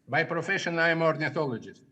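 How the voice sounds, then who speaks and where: A man from Estonia, an ornithologist, giving a presentation over a video call in halting with many fillers. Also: fairly high pitch, animated, pushed and bright, slightly rough, highs cut off. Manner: halting, non-native English with fillers. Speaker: guest speaker, ornithologist. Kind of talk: remote presentation talk.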